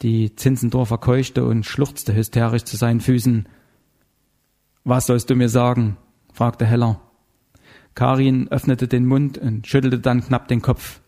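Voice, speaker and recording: A man narrating an audiobook in a measured, dramatic way. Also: mid-range voice, level tone, warm tone. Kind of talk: scripted narration.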